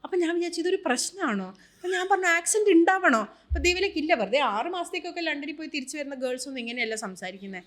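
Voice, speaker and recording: A woman from Kerala with a Malayali accent, speaking as a guest on a casual podcast. She is animated and emphatic, moving freely between Malayalam and English. Her voice sits slightly higher than most women's. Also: rapid-fire, hardly any pauses. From Kerala, India.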